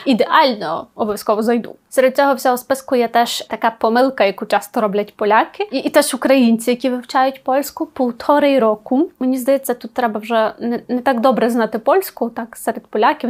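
Brief: young woman, high voice, chatty language teacher, casual explainer with quick asides. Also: steady tone, darkish tone.

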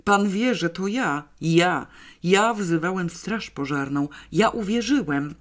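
Brief: agitated, gloomy male pharmacist, high and tense, read by a narrator. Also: expressive, a little slow, gravelly. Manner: agitated, then gloomily reassuring. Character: nervous male pharmacy manager, morose.

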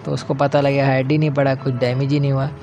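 A young man talks through a shooter game in a relaxed, chatty way, peppering his lines with slang and friendly asides to his viewers. His voice sits at an ordinary middle pitch, with faint game music and gunshots underneath. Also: fast, lo-fi sound. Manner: chatty, slangy, keeps calling viewers brother. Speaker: gaming channel host. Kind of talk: casual gameplay commentary.

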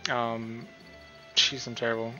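A male tutorial host rambles through a casual, unscripted tutorial, hesitant and self-deprecating. His medium-pitched voice is level and sharp in tone, and he doesn't rush. The dull lo-fi mic picks him up with music playing behind.

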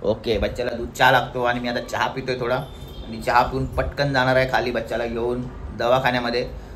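A man's voice: mid-range voice, level tone, a little fast, background noise. Man, family vlogger, casual chat to the camera, at home. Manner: chatty, explains to the camera. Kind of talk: casual vlog talk to viewers.

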